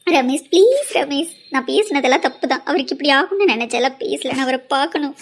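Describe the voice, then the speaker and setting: In a cartoon drama, a young woman in love pleads and argues earnestly, voiced by a woman. Her voice is high and she talks quickly. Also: expressive, fairly bright tone. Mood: pleading.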